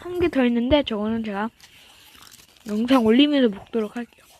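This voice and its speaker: A woman with a high voice hosts a casual snack-eating vlog. She presents to her viewers in polite, simple sentences. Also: brisk, darkish tone, highs cut off, a little hiss or hum. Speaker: host of a snack eating video. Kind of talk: casual mukbang vlog talk.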